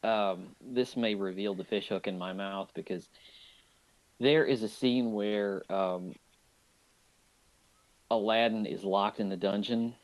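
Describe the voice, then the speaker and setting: A man co-hosting a movie podcast, chatting casually and enthusiastically about an animated film, often restarting his sentences. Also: lowish voice, slow pace, pauses often, poor audio. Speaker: podcast co-host.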